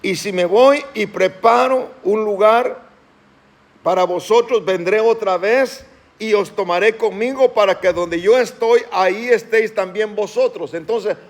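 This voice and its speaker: A man preaching a sermon as pastor of his church, slowing down and lifting his voice when he reads scripture aloud, and calling on the congregation to respond. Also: high-pitched. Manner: asks the congregation questions and calls them to respond.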